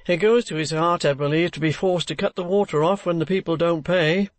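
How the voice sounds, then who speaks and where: A man's voice: on the high side, a little fast, pitched above the performer's own voice, lightly acted. A man voicing a joking young bachelor at a Victorian party. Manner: jokey, then sheepish.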